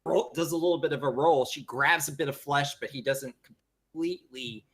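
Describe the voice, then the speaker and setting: A man's voice: on the high side, moderate pace, a bit bright. A man running a tabletop game as game master, narrating the action with playful asides.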